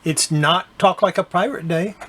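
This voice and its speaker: Older male host, slightly high voice, easygoing show-and-tell about his collection. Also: moderate pace. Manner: relaxed, chatty, with fillers.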